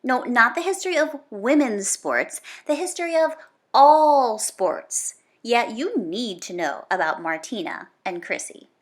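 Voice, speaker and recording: Like a teacher at story time, a woman reads a children's book aloud, unhurried and a little high in pitch. She sounds animated and conversational and punches the repeated words.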